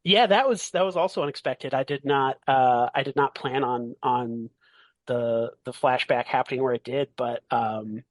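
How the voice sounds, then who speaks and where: With a medium-pitched voice captured in a dry recording, a man runs a tabletop game as game master. His narration is relaxed yet halting and deliberate.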